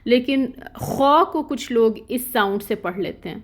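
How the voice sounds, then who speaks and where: A woman's voice: fairly high pitch, lively intonation. Patient woman teaching. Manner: patient and explanatory, repeats "theek hai" to check in, demonstrates letter sounds. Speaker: online Quran recitation teacher. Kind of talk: recorded lecture on Arabic pronunciation.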